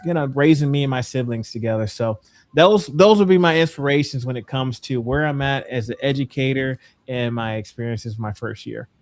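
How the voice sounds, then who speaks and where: A man in his forties, a guest educator, answering a panel question in a reflective, measured way. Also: mid-range voice, a little mellow, dry recording.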